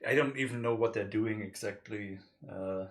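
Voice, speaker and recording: A man's voice: fairly low pitch, moderate pace. A man co-hosting a casual livestream chat, a bit out of breath and playfully fussing over the microphone setup. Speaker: podcast co-host.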